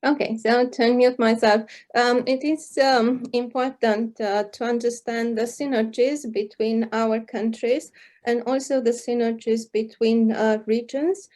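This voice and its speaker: A woman professor from Romania speaking on an online panel, measured and hesitant. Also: fairly high pitch, fairly even intonation, darkish tone. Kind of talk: panel discussion.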